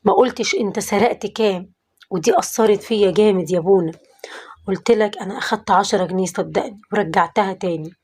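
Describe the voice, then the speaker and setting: A woman's voice: medium pitch, fast, darkish tone, slightly rough, natural voice. A woman voicing a repentant middle-aged former thief who confesses in an Egyptian accent, in a pleading tone. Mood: remorseful. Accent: Egyptian Arabic.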